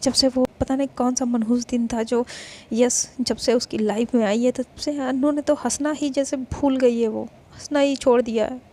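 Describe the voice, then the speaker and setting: A woman's voice: sits high, steady tone, moderate pace, warm tone. A woman playing a fiercely loyal young woman. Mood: indignant. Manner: indignant, vowing, insistent.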